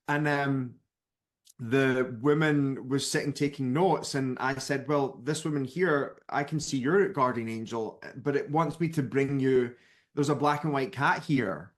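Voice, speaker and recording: Animated male guest telling a story. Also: mid-range voice, measured pace. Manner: lively narrator who acts out the people in his story. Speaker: guest, spiritual teacher and author.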